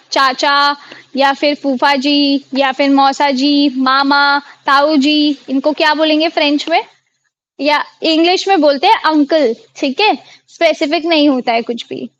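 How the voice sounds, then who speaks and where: Indian woman, online tutor, very high voice, dry sound, quizzing and repeating. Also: fairly bright tone, no room sound, highs cut off. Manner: quizzing students, repeating words. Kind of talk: live online class teaching. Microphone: video call.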